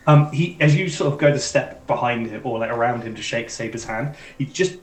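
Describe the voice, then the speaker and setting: A man's voice: medium pitch, a little fast, roomy sound, low-quality recording. A man narrating as dungeon master in a casual, rambling way, with lots of ums and likes. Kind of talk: narrating a tabletop game.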